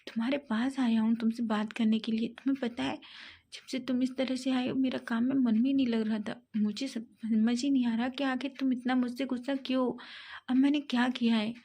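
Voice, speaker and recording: Girl doing a caring young guy begging softly to be told, husky voice. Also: a little high, fairly even intonation, a little fast. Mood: pleading. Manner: pleading, gently insistent. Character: caring, teasing young man, the lover.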